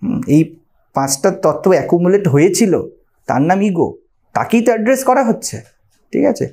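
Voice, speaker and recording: Lively-voiced Bengali man teaching scripture. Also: high-pitched, moderate pace. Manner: explanatory, asks listeners rhetorical questions. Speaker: spiritual teacher. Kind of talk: scripture lecture.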